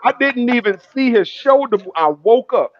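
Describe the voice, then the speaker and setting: A man's voice: very high voice, animated, moderate pace. A man co-hosting a casual talk show, telling laughing stories about family and respect. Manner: storytelling, laughs often. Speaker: co-host. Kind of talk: casual chat. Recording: dull, slightly lo-fi dry sound.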